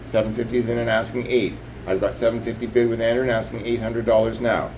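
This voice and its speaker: A man's voice: mid-range voice, little pitch movement, quick pace, a little mellow, a little hiss or hum, low-quality recording. A man working as a live auctioneer, calling bids and increments in repetitive, clipped patter.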